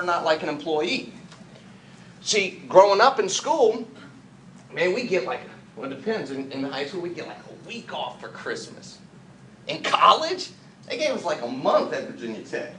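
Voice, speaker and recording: A man from the United States giving an energetic motivational business training talk, full of rhetorical questions and jokey asides. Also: sits high. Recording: echoey room, faint background noise.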